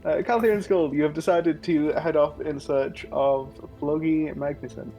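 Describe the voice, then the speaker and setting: A man's voice: fairly high pitch, steady tone, moderate pace, warm tone, soft background music, rough recording. A man narrating a tabletop role-playing game as game master, calling for rolls and setting scenes.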